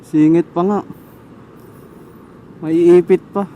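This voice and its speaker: This motovlogger, a man with a Filipino accent, speaks slowly in a high, steady, warm voice as he rides through traffic. Captured on a low-quality helmet intercom mic with slight background noise, he casually mutters and swears to himself.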